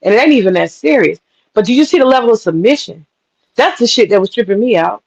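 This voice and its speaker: A woman's voice: on the high side, fast, creaky. A woman guest on a live-stream panel, chatting casually and emphatically over a video call. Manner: emphatic, animated storytelling. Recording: dull lo-fi call audio.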